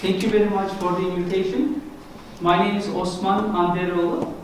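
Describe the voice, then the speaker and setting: A high-voiced man with a thick Turkish accent, giving an earnest explanatory talk. He sounds set back from the mic in a very echoey church hall. A faint hiss sits under his voice. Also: steady tone, a little fast, recorded from a distance. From Turkey. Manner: earnest, explanatory, self-deprecating humor. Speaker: guest speaker. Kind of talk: church presentation on Islam.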